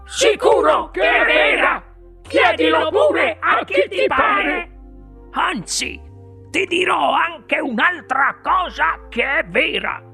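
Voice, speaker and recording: A wildly excitable old grandfather who squeaks up into a very high, gravelly register. He drags his words out slowly and bursts into exclamations as if sharing a grand secret. Soft music hums beneath the storybook reading. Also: full character voice. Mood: excited insistent. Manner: dramatic, exclaiming, drawn-out emphasis. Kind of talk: audiobook character voice.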